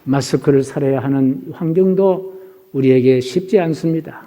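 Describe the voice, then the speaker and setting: A man's voice: medium pitch, moderate pace, dark tone. A middle-aged man preaching as pastor, delivering an earnest, repetitive sermon. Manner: earnest preaching, opens with recited verse. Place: church sanctuary. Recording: long hall reverb.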